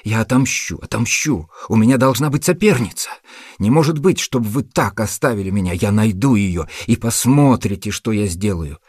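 A man's voice: lowish voice, animated, normal speed, dark tone, slightly rough, dry recording, studio quality. A man voicing a jilted young woman in a storybook reading, threatening revenge and pleading desperately. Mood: furious. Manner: threatening, then tearful and pleading.

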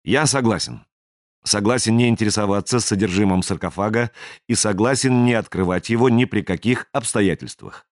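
A man's voice: lowish voice, normal speed, dry recording, clean studio sound, lightly acted. A man voicing a cautious young spacer who tries to sound important while bargaining, in an audiobook. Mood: wary.

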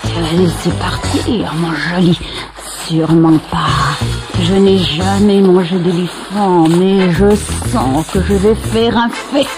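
A woman's voice: fairly low pitch, steady tone, takes it slowly, music in the background, pitched below the performer's own voice. Woman putting on a honeyed scheming crocodile. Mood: menacing. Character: sly honey-voiced crocodile, scheming and cruel. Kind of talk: storybook cassette acting.

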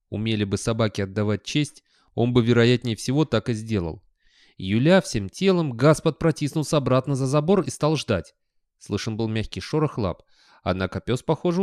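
A man reading an audiobook in scripted narration with an even, measured delivery. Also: on the low side, no echo, studio quality.

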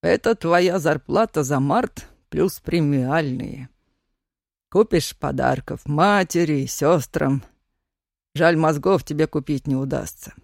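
Reader doing stern older colony chief, gruff, lowered voice, slow, measured, dry. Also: no echo. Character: stern older man, head of a youth colony.

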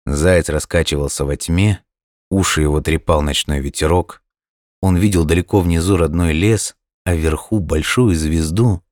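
Slow and calm, a man with a deep bass voice reads a kids' storybook. The recording is intimate and dry, with no echo.

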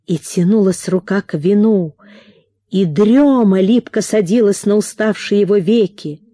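Audiobook narrator, woman, slow and measured, mellow low tone, dry close mic. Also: no room sound. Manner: slow, measured literary reading.

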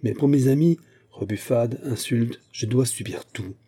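A man's voice: medium pitch, measured pace, husky. A man voicing indignant musketeer D'Artagnan. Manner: indignant, sharp retorts. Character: proud, hot-tempered aging musketeer captain. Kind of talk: audiobook reading.

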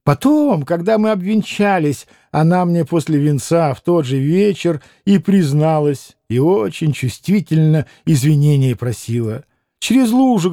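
A man's voice: on the high side, mellow, dry recording, studio quality. A man voicing a fawning old landowner. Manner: ingratiating, adds deferential "-s" to words. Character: fawning old petty landowner, chatty fibber.

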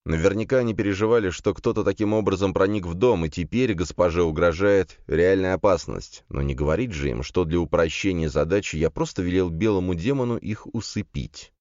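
Brief: wry male audiobook reader, deep voice, slightly lo-fi. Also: fairly quick, hardly any pauses, a little mellow, no room sound. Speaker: audiobook narrator. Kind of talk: first-person scripted narration. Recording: dry, slightly dull studio sound.

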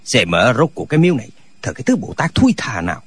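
A man's voice: mid-range voice, huge pitch swings, quick pace, husky, exaggerated voice. A man voicing a band of quarrelsome, dim-witted old martial immortals in a radio drama, arguing pedantically. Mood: bickering.

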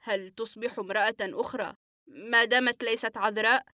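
A woman's voice: fairly high pitch, steady tone, fairly quick, no echo, clean studio sound. A woman reading the part of an agitated male patient in an audiobook, breathless and trembling as she voices him. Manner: breathless, trembling, flaring into shouts.

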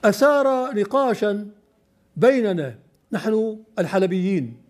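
Higher-voiced older man explaining poetry. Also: darkish tone. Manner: measured, explanatory, asks questions of the student. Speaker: teacher of classical poetry.

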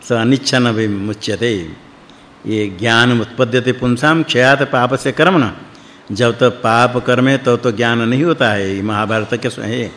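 Man, mid-pitched, spiritual teacher giving a loose, repetitive discourse, Sanskrit recitation, long reverb of a big hall. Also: fairly bright tone. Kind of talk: scripture discourse in Hindi.

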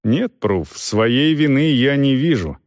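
A man voicing a calm, stern knight commander who talks plainly and dryly. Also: mid-range voice, takes it slowly, no echo, clean studio sound. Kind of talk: audiobook character voice.

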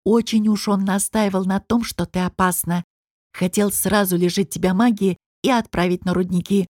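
A gloomy young guard brother from a fantasy audiobook, earnest and cautious as he warns a prisoner, voiced by a woman reader. The voice sits mid-pitch. The recording is close and dry. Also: steady tone, moderate pace, a little mellow, no room sound, close to an everyday voice.

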